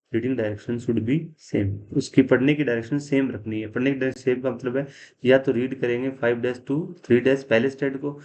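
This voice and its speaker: A man's voice: medium pitch, warm tone. A man teaching a biology class. He explains step by step, asks questions and answers them himself, and mixes English science terms into his speech. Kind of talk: classroom lecture.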